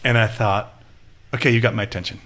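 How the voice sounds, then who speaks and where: Lively low-voiced man telling stories. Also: fast. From Austin, Texas. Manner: animated storyteller who acts out quoted people. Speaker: podcast guest. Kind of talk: casual storytelling interview.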